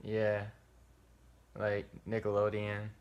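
A man's voice: fairly low pitch, completely flat delivery, takes it slowly, slight background noise. A man voicing a fifteen-year-old boy decoy on a phone call, answering hesitantly with short replies and hums. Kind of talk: phone call role-play.

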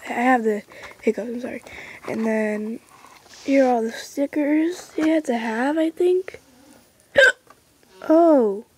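Soft-spoken, hesitant female vlogger. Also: high voice, slightly rough. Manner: hesitant, halting, many fillers and restarts; soft-spoken, drifting into whispers. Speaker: vlogger unboxing a toy. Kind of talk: casual unboxing chat.

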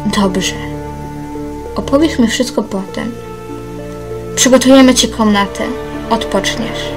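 Patronizing elderly Doge, read by a woman in her own voice, slightly high, music underneath. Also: slow pace. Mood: calming. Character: old male Doge, pushy and patronizing. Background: background music.

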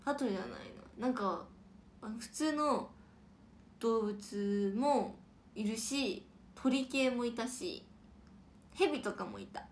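A young woman chatting on a casual livestream and reading viewer comments aloud. Her somewhat high voice stays playful and rambling, and she often drops into soft whispered asides. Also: slow, long pauses, a little hiss or hum. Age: young adult.

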